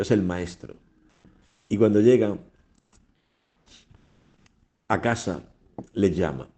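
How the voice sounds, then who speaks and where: Low, mellow-voiced male preacher. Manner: emphatic preaching with repeated phrases and rhetorical questions. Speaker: radio preacher. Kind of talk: sermon.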